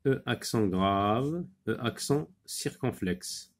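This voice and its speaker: Slow, patient man teaching phonics. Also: medium pitch, expressive. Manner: slow, patient, with many pauses and fillers; switches between French and Arabic explanations. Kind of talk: phonics lesson.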